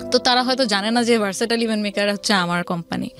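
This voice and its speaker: Speaking rapidly over music, a woman with a mid-range voice and a Bangladeshi accent tells her story earnestly as an interview guest who works as an event planner. She emphasizes points by repeating them and mixes English words into her speech.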